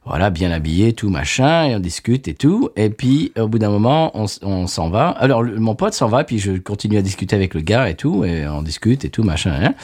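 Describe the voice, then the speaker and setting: A man co-hosting a podcast, telling a story in casual chat with a joking, animated manner. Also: on the low side, a little fast, few pauses, husky. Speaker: podcast co-host.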